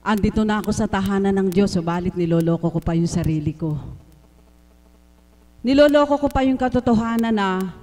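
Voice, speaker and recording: A man's voice: high voice, fairly quick, long pauses, a little mellow. A man from the Philippines giving an earnest, emotional religious testimony, speaking politely and respectfully to a congregation. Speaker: church member giving testimony. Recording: live stream recording.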